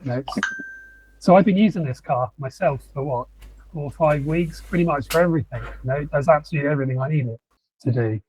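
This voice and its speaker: A man's voice: a little high, quick pace, a little mellow, a little hiss or hum, rough recording. A man co-hosting a podcast, chatting casually with lots of ums and restarts. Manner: rambling, many fillers and restarts. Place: lives in southern England.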